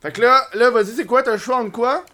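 A Québécois man with a high-pitched voice hosts a loose comedic interview. He fires off playful, crude teasing questions in a relaxed, joking way. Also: a little fast. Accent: Québécois French. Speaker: podcast host.

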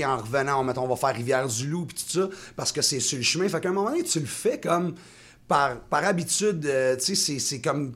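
A touring singer-songwriter from Quebec, a man in his thirties with a Québécois French accent, rambles through a casual radio interview. His voice is on the high side, and he restarts often, uses many fillers and laughs easily.

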